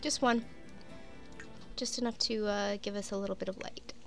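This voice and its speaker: Here a young woman narrates her life-sim game at a normal pace, talking to her sims in a chatty let's play with plenty of "um" and "like." She's a gaming YouTuber with a sniffly cold, and her medium-pitched, creaky voice stays fairly even. Faint music plays behind her.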